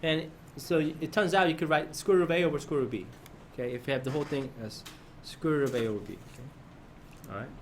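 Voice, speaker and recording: A man's voice: on the high side, quick pace, slight background noise. A man teaching a math lesson to his class, often prompting students with questions and checking that they follow.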